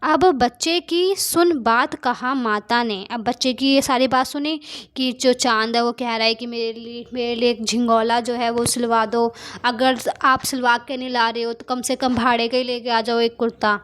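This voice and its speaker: A woman teacher going through a poem line by line, reading each verse slowly and then explaining it in simple everyday words with some English mixed in. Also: on the high side, flat delivery, fairly bright tone, clean tone.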